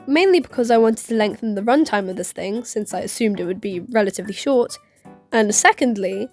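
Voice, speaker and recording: A woman's voice: a little high, darkish tone. A woman in her twenties recapping a film in a casual commentary vlog, full of sarcastic asides and giggles. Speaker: YouTube commentator.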